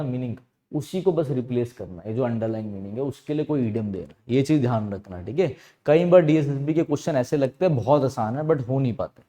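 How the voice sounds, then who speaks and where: Mellow-voiced man teaching a grammar lesson. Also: mid-range voice. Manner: explains step by step, repeats key words, asks and answers his own questions. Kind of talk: exam-prep grammar lesson.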